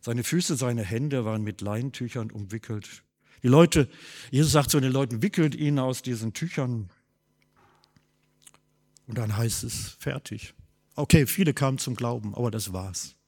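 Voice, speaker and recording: A man preaching a sermon, swinging between loud emphasis and quiet low asides. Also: measured pace, slightly rough, in a large hall. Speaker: pastor.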